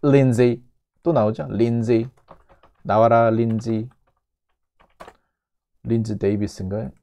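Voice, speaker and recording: A man walks students through a news clip, his voice gravelly and dark. He takes his time, repeating each English phrase and pulling it apart for meaning. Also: medium pitch, steady tone. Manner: repeats English phrases slowly and breaks them down. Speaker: English teacher. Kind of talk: lecture explaining a news clip.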